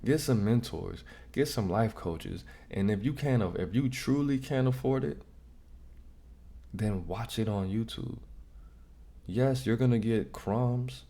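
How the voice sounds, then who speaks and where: A man's voice: medium pitch, takes it slowly, dark tone. A man hosting a casual reaction vlog, giving direct, slangy advice and often repeating himself. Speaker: vlog host.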